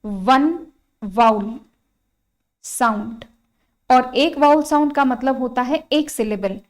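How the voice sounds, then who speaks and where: A woman with a high, clear voice teaches an exam-prep grammar lesson. She spells out vowels one by one, repeats each rule and keeps checking with her students. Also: slow pace. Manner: repeats points, asks students rhetorical questions, spells out vowels. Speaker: English teacher.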